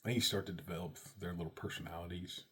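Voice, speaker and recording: A man telling a personal story about being a father, animated and leaping high on exclamations. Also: fast talker, breathy edge.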